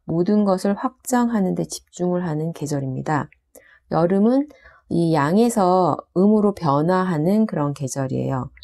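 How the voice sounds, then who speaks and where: Female instructor, low warm tone, calm lecture delivery with small fillers. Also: normal speed, creaky. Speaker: saju instructor. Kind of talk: lecture on Korean astrology.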